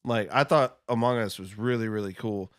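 A man's voice: lowish voice, fairly even intonation, moderate pace, fairly bright tone, no room sound, studio quality. A man guesting on a casual podcast, talking in a rambling, candid way and swearing now and then. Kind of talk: casual chat over beers.

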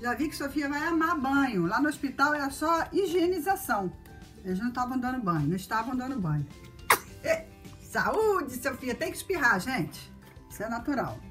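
Female instructor, casual demo, bright and sing-song, coos with diminutives, baby crying behind. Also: high voice, very animated, normal speed. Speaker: instructor demonstrating baby care. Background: baby crying and music.

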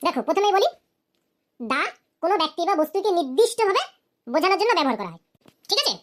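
A woman teaching a cartoon grammar lesson, asking questions and answering them herself, and saying her English examples slowly. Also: extremely high pitch, big pitch swings.

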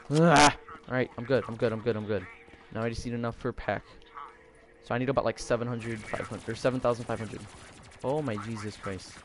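A young man giving live commentary on his own gameplay. He is excitable, swinging between quiet muttering and shouting at his teammates. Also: mid-range voice, brisk, pauses often, a little hiss or hum. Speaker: gamer.

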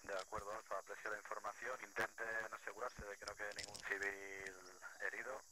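A man speaking over an in-game radio as a military radio operator, using formal procedure in a measured, clipped way. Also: on the low side, flat delivery, very noisy. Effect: heard over an in-game radio.

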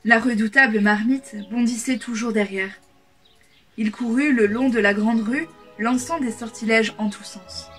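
A woman reading a fairy tale aloud in a calm, measured way. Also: fairly high pitch. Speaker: storyteller. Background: soft background music.

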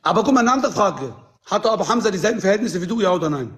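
A man with a high, very lively voice argues in a group call. He is insistent and combative, pushing his point and cutting in on others. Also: very fast. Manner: insistent, argumentative, talking over others. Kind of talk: heated argument in a live group call. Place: indoor room, group video call. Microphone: video call on phone or computer.

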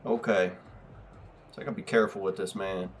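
A man giving live commentary over his own video game match, excitable and trash-talking, shouting at big plays. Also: deep voice, fairly quick, slight background noise. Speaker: gaming YouTuber.

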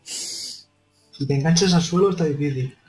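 A man's voice: fairly high pitch, unhurried, a little mellow, faint music behind, rough recording. A man, co-hosting casual co-op gameplay chat, laid-back and giving short tips. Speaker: co-host gaming partner.

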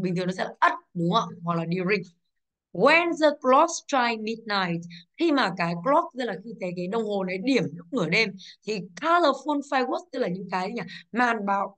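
Here a woman's medium-pitched, fairly bright voice moves fast with lively intonation as she goes over English exercises with her class. She explains each answer step by step in Vietnamese-accented English and keeps checking in with "đúng không ạ".

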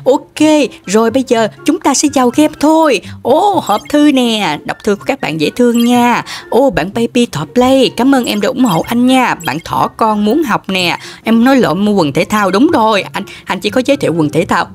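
A man giving upbeat, sing-song game commentary and chatting warmly with fans. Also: very high-pitched, animated, moderate pace, few pauses. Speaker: gaming YouTuber.

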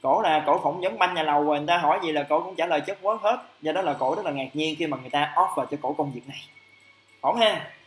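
A man teaching an English vocabulary lesson on a livestream, lively and chatty, stretching out English phrases slowly. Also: a little high, roomy sound, faint music behind.

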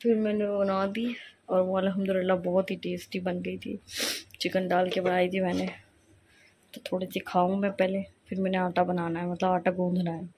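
Soft-spoken young woman with a cold. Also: on the low side, level tone, moderate pace, slight background noise. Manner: soft-spoken, talking quietly while others sleep; chatty, forgetful, mixes in English phrases. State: slightly congested from a cold. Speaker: vlogger. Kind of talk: casual cooking vlog chat. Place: home kitchen.

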